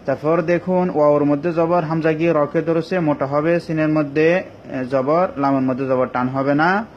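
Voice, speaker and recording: A male teacher giving an online Quran recitation lesson, explaining each rule patiently and step by step with many pauses. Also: on the high side, steady tone. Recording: dull lo-fi recording with faint ambient noise.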